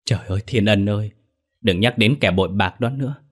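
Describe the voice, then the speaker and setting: Man doing an old grandma wailing in grief, lowish voice, storybook horror. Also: a little fast, a bit bright, breathy edge. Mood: grieving, wailing. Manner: wailing, lamenting. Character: grieving old grandmother, emotional.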